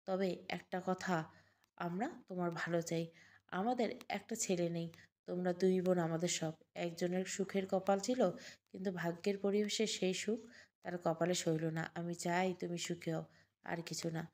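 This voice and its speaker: A woman voicing a gentle, caring father in an audio story, speaking slowly and quietly. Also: on the low side, fairly even intonation, lightly acted. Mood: gentle, pleading. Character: gentle aging father, soft-spoken and caring.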